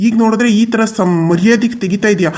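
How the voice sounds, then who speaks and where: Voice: mid-range voice, a little mellow, lightly acted. Someone voicing a weary cartoon father. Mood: exasperated. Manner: slow, consoling and resigned. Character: middle-aged wealthy father, weary and resigned. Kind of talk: cartoon voice acting.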